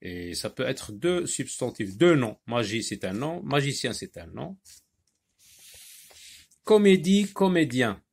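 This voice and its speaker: A man teaching a French reading lesson, talking slowly and deliberately and spelling out letters and syllables. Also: mid-range voice, big pitch swings, vocal fry, breathy edge.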